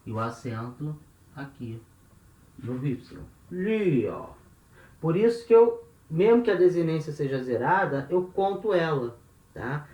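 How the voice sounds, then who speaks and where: A man's voice: on the high side, animated, unhurried, mellow, reverberant, rough recording. A man teaching a language lesson, explaining step by step and often checking in with his listeners.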